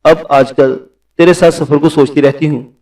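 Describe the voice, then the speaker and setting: Man reading as a sharp-tongued scheming woman. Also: a little high, fairly even intonation, distant mic, lightly acted, rough recording. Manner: taunting, provocative.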